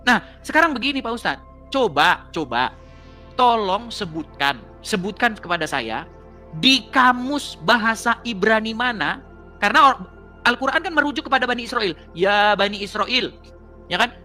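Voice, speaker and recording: A woman's voice: fairly high pitch, bright, forceful tone. A woman arguing in a heated debate, mocking her opponent and laughing as she presses her points.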